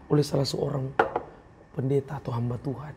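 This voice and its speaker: A man's voice: medium pitch, level tone, fairly quick, heavy background noise. A man giving an earnest, emotional personal testimony as an interview guest, acting out the words of others as he tells it. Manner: earnest, emotional, acts out quoted speech.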